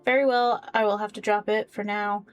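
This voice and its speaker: A woman voicing a poised, formal middle-aged woman administrator in a game, speaking in measured, proper sentences. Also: medium pitch, fairly even intonation, soft background music, lightly acted.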